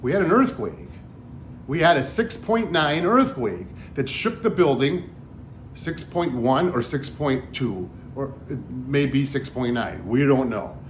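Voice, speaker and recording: A man on a trip with his wife, telling stories and preaching in an animated, excitable way. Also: medium pitch, unhurried, slight background noise. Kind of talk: casual preachy storytelling. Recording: roomy echoey recording.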